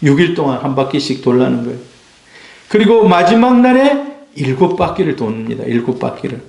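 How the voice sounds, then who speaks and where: A man's voice: mid-range voice, sing-song, a little fast, vocal fry, darkish tone. A man preaching a sermon as a pastor, emphatic and full of rhetorical questions to his congregation. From South Korea. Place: church sanctuary. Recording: echoey church hall.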